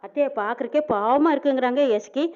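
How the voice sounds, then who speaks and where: A woman's voice: high-pitched, fast talker, a little mellow, highs cut off. A woman retelling a television serial, acting out the characters' lines in village dialect. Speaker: serial recap narrator. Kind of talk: fast storytelling recap, voicing characters' lines.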